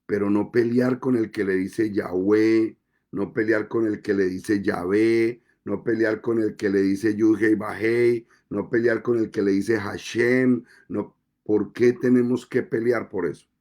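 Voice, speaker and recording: A male pastor delivers his sermon at an unhurried, deliberate pace. His voice is mellow and dark-toned, and he lets pauses settle between phrases. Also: fairly low pitch, fairly even intonation. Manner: slow, deliberate preaching with measured pauses.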